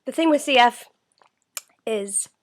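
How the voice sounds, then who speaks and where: A woman's voice: medium pitch, steady tone, unhurried. A young woman at home, rambling through a casual video diary while feeling unwell and tired, with lots of fillers and some talking through food. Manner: rambling, many fillers, talks while eating. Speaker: vlogger. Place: at home, indoors.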